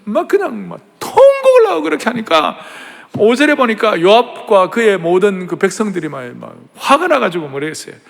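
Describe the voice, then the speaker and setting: A middle-aged man preaching in a large church, his voice pitched high with a gravelly edge. He tells the story dramatically, dropping to hushed whispers and rising to loud cries. The sound carries a long reverb from the hall. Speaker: pastor. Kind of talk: sermon.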